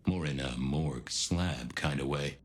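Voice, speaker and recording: A man's voice: rumbling low, measured pace, a little hiss or hum. An actor playing a gloomy, morbidly droll man in a video game, speaking morosely.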